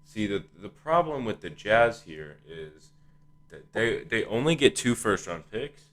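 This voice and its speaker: A man's voice: lowish voice, big pitch swings, a little slow. A man hosting a casual sports discussion, thinking aloud in a hesitant, conversational way. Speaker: podcast host.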